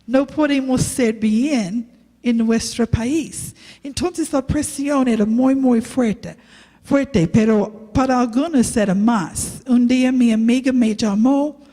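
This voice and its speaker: A missionary preacher, a woman whose first language is English, delivers a sermon woven with a personal story in an echoey church. Her voice is high and warm, and she speaks slow, halting non-native Spanish with frequent restarts.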